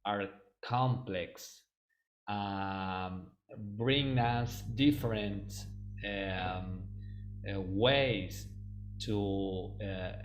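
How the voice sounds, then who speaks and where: Over a video call, an Argentine man presents a webinar, his native Spanish showing in his Argentine accent as he frequently stalls with ums and starts over. He speaks at a fairly low pitch with drawn-out words, and the low-quality recording carries a slight hiss or hum.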